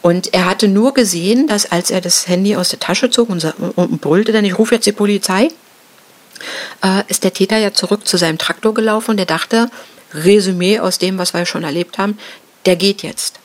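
A middle-aged woman telling an interviewer about a violent attack on her husband, in a halting way with many fillers and restarts. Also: mid-range voice. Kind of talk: emotional personal account.

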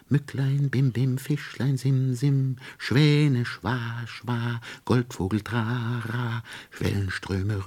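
A man's voice: mid-range voice, a little mellow, pitched above the performer's own voice. Guy doing tiny magic water voices, singsongy and lilting, fairy tale chant. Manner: sing-song chanting, lilting. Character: tiny silvery singing water voices, dreamy.

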